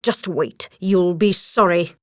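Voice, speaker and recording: A woman's voice: on the low side, slow pace, no room sound, studio quality. A woman voicing a haughty, scheming rich villainess in a storybook, with a theatrical drawl and sneering menace. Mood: furious, vengeful. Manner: crooning drawl turning to sneering threats.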